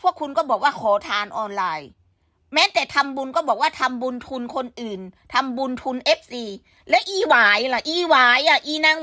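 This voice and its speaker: A woman's voice: high voice, bright, forceful tone, no room sound, clean studio sound. A woman giving blunt, scolding gossip commentary full of rhetorical questions. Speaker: online commentator.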